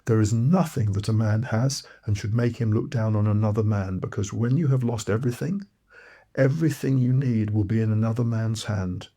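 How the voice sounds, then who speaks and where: A man's voice: on the low side, normal speed, dark tone, husky. A man from Malawi, narrating his own audiobook in a reflective, earnest storytelling way. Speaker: author and narrator.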